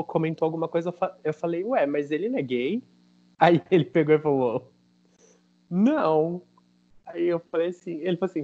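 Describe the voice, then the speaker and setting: A man with a Brazilian Portuguese accent hosting a casual interview, telling a story with lively quotes of what others said. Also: fairly high pitch, highs cut off. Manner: animated storytelling, quoting others. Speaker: host.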